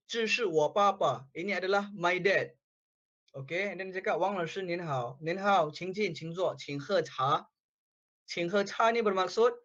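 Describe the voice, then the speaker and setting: High-voiced tutor, dull lo-fi sound. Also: male voice, a bit bright. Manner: explains phrase by phrase, repeats words slowly, many "okay"s. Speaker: Mandarin language tutor. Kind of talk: relaxed classroom lesson.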